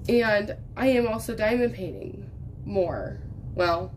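This crafting vlogger, a woman in her thirties, talks slowly and animatedly at medium pitch as she diamond paints at a craft table indoors. The recording is rough with a bit of hiss or hum, and she coughs now and then, still getting her lost voice back while her chat wanders between topics.

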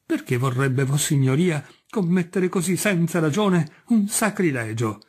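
A man voicing a humble, devout workman in a read-aloud story, deferential but earnest and pleading, with a husky voice. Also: on the high side, expressive, unhurried, a little mellow.

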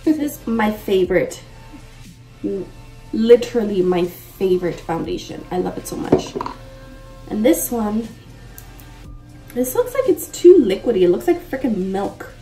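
A makeup vlogger in her mid twenties chats in a warm, animated, mid-range voice at a measured pace, pausing often. She talks casually and slangily, with frequent exclamations, while doing a makeup tutorial in a bedroom-like room at home. The recording has roomy echo, a distant mic, and faint music.

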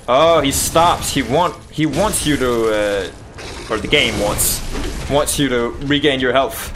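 A young man commenting on a video game he is playing, excitable and jokey, swinging between yelps and mutters. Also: medium pitch, a little slow, noisy background. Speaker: gaming YouTuber. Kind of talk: let's play commentary.

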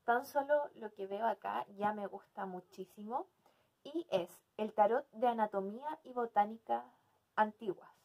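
A woman's voice: medium pitch, a little mellow. A young adult woman hosting a casual unboxing video, speaking with hesitant phrasing in a small indoor room. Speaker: video host.

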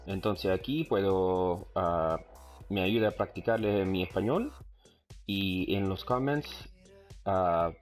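A man with a low-sitting voice talks slowly over soft background music, casually narrating a football video game as a YouTuber. His Spanish, learned on top of native English, has a Chilean accent; he code-switches, hesitates with frequent fillers and lets out loud bursts of excitement at plays.

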